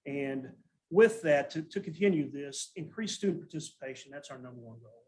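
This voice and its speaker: A man, a school nutrition director, presenting a financial report at a school board meeting in a steady, matter-of-fact way, often restarting his sentences. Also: on the high side, a little fast, poor audio.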